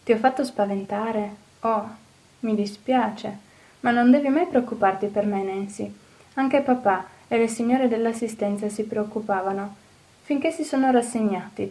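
A woman reading an audiobook, voicing a cheerful, eager little orphan girl who talks in a bright, earnest way. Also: on the high side, normal speed, far from the mic, lightly acted, poor audio. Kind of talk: audiobook character voice.

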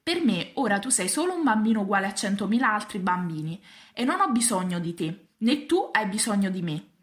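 A woman's voice: mid-range voice, big pitch swings, brisk, lightly acted. A woman voicing a wistful, lonely and wise female fox, talking earnestly in a storybook reading. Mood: curious. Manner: earnest, pleading, reflective.

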